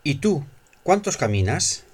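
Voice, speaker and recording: A man's voice: a little high, sing-song, unhurried, husky. A man reading short scripted dialogue phrases as examples for a language lesson.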